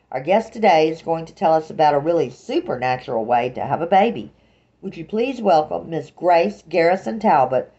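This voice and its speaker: A woman's voice: sits low, lo-fi sound. A woman voicing a chattery female talk show host with a Boston accent. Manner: chattery, bright hostess patter.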